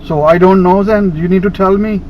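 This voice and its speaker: A man's voice: sits high, steady tone, fairly quick, muffled recording. A man driving a taxi, giving short, defensive replies in a heated argument, recorded on a dashboard camera inside his cab. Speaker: taxi driver. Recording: far-off dashcam audio, loud road noise.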